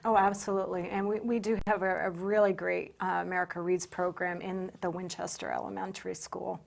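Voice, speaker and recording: A woman, answering interview questions about volunteering with many pauses and restarts. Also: lowish voice, level tone, gravelly. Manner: hesitant, many ums and restarts. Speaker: volunteer center guest.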